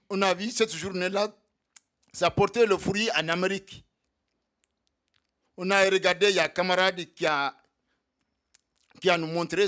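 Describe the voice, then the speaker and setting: A man rallies the room in a meeting hall, giving a militant speech to comrades at a solidarity evening. He speaks for undocumented migrants, hammering his points through repetition, and his voice is high and a bit bright.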